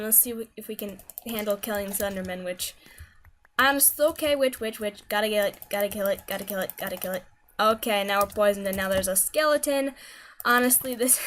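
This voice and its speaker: A woman's voice: mid-range voice, a little hiss or hum. A woman giving casual, rambling commentary as she plays a game, often correcting herself mid-sentence. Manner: chatty, rambling, self-correcting. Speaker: gaming video host.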